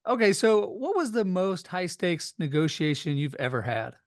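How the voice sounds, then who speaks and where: A man's voice: sits high, big pitch swings, moderate pace, no room sound, clean studio sound. A man hosting an interview in a casual, conversational style. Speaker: interview host.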